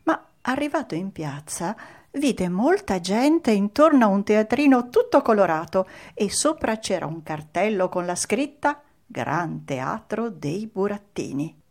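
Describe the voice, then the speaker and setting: A woman narrating a children's storybook in an expressive, lively read-aloud manner. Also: mid-range voice, a little slow.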